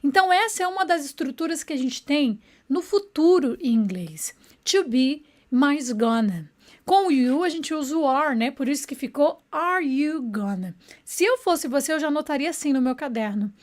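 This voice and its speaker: A woman teaching an online English lesson. She often checks in with her students and slows down to model each English word. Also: high voice.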